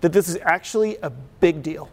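A man's voice: fairly high pitch, animated, normal speed, slightly rough, big-room sound. A man in his forties who grew up in Chile, preaching an earnest, conversational sermon full of rhetorical questions. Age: 40s. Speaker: pastor.

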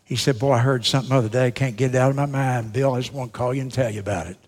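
A middle-aged man preaches a sermon, building to loud, emphatic declarations and then dropping to slow, hushed words. His voice carries with the long reverb of a large church hall. It sits at an ordinary mid pitch for a man. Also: fairly even intonation. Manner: dramatic preaching that swings between loud emphatic lines and hushed, slowed phrases. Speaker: pastor.

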